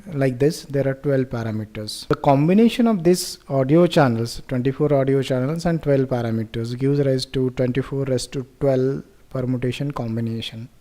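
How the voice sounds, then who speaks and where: A man with an Indian accent explains a research project in a medium-pitched, warm voice. His phrasing is halting and deliberate.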